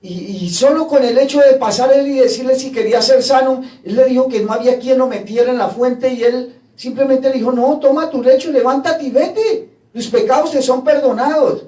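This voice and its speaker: High-voiced pastor preaching in an echoey church. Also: male voice, brisk, few pauses, warm tone, distant mic. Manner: retells gospel scenes with quoted voices. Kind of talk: sermon. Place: church hall.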